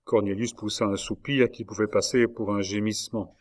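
A man narrating an audiobook of a classic novel in a measured, expressive way. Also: fairly low pitch.

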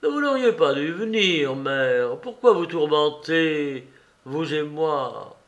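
A man's voice: fairly high pitch, animated, slow pace, fairly bright tone, highs cut off, full character voice. Condemned young man, shivering and irritable, edge of despair, voiced by a male narrator. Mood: bitter desperate. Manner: irritated, desperate.

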